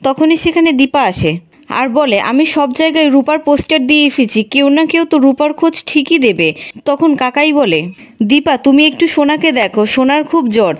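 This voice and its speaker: A woman's voice: high-pitched, expressive, moderate pace. A woman narrating a scripted recap of a TV serial, reading every character's lines in her own voice.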